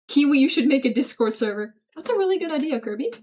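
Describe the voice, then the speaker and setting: A woman's voice: high voice, animated, fairly quick, a little mellow. A young woman streaming, reading chat aloud and joking back in a playful, mock-serious way. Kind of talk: casual livestream chat.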